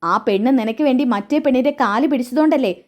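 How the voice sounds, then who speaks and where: A woman's voice: high-pitched, fast talker, close to an everyday voice. A woman reading the lines of a bitter, scornful middle-aged mother who taunts her children, in a serial recap. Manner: taunting, self-pitying.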